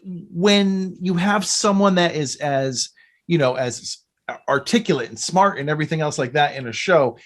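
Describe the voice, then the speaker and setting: A man with a fairly high voice hosts a podcast of casual fan chat at a moderate pace. He rambles and frequently cuts into his own sentences.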